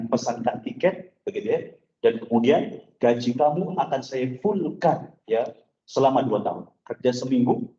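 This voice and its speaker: A man's voice: mid-range voice, warm tone. A male preacher telling a story to his congregation in a loose, chatty sermon style, talking straight to his listeners. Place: mosque hall. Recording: echoey, dull mosque recording.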